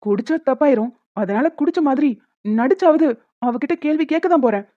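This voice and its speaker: A woman's voice: sits high, animated, no echo. A woman voicing a hot-tempered young man, an elder brother who rants indignantly in a cartoon. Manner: indignant, fast and blustery. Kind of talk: cartoon voice acting. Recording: dull lo-fi dry recording.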